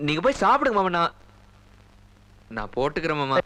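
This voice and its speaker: A man's voice: a little high, very animated, fairly quick, bright, forceful tone, dry recording, poor audio. An actor playing a nervous young man who has been caught out, answering sheepishly. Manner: sheepish, mumbling.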